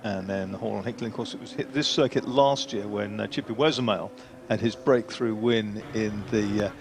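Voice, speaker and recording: A man working as a motorsport co-commentator, adding measured, hesitant analytical asides to live race commentary. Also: fairly low pitch, steady tone, creaky. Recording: noisy trackside outdoor sound, vehicles behind.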